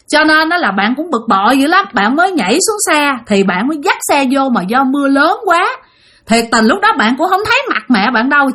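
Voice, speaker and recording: A woman with a Southern Vietnamese accent telling a ghost story, talking straight to her listeners in an animated way. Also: high-pitched. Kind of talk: spoken ghost story narration.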